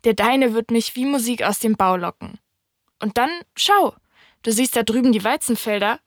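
A woman voicing a wise, wistful fox in an audiobook reading, speaking in a calm, thoughtful, explaining way. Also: on the high side, normal speed, no echo, clean studio sound, lightly acted.

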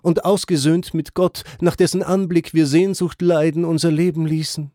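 A man's voice: a little high, steady tone, moderate pace, warm tone, dry recording, clean studio sound, pitched above the performer's own voice, close to an everyday voice. A man voicing pleading souls of the dead. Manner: urgent, beseeching calls.

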